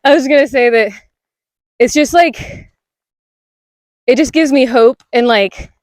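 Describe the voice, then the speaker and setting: A woman's voice: high-pitched, unhurried, a little mellow, no room sound. A young woman talking casually while walking a rainy outdoor trail, rambling with many fillers and a little out of breath, on a close mic. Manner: rambling, lots of "like" fillers, laughs often. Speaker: spiritual vlogger. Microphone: body-worn mic close to the mouth.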